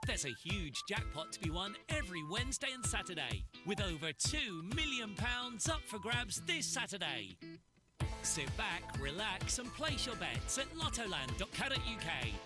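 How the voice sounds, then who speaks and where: A man's voice: sits high, very animated, moderate pace. A man reading a scripted betting advert in an upbeat, sing-song way. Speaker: advert voice-over. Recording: advert with loud music.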